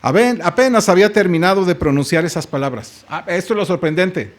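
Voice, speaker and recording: A Mexican pastor preaches in a church with a high-pitched voice. He tells the story dramatically, stopping to put questions to his listeners. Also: fairly quick. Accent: Mexican Spanish. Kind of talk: sermon.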